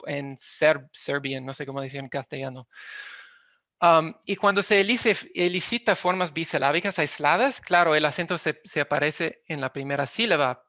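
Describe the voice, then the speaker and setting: A man presents academic material over a video call, pausing and restarting as he hunts for the right word. His voice is gravelly and bright, sitting a little high for a man, and the sound is close and dry. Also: no room sound. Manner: halting, often searches for words. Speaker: linguistics presenter.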